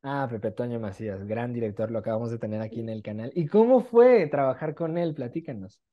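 Over a video call on wired earphones, this Mexican-accented interviewer in his twenties talks casually and encouragingly from a small room at home. He sounds mid-range, expressive, and mellow, speaking a little fast, and the recording is muffled.

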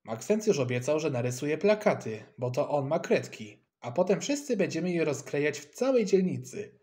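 Male audiobook narrator, playful, lively tune, slightly high. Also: normal speed. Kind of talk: scripted storybook narration.

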